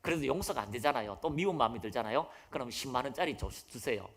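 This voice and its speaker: A man's voice: mid-range voice, animated, quick pace, fairly bright tone. A man preaching a sermon as pastor. He talks emphatically, puts questions to the congregation, calls out hallelujahs and drops in humorous asides.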